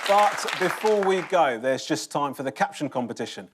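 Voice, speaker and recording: Brief: male TV panel host, lively up-and-down delivery, dry jokes, slightly high voice. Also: normal speed, over a noisy crowd, very noisy. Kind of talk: comedic panel show hosting. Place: TV studio with audience.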